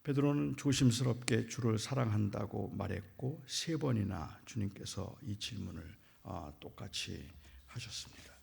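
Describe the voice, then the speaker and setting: A man, a pastor, preaching a sermon in a church, swinging between loud emphasis and hushed near-whispers and asking the congregation rhetorical questions. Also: on the low side, expressive, moderate pace, vocal fry, slightly rough.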